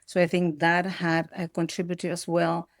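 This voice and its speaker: Speaking as a guest on a podcast, this Peruvian-born woman, middle-aged and raised in the Netherlands, reflects on her life in a personal interview and frequently restarts sentences. Her voice sits on the low side, monotone, at a moderate pace, in a dry, clean studio recording.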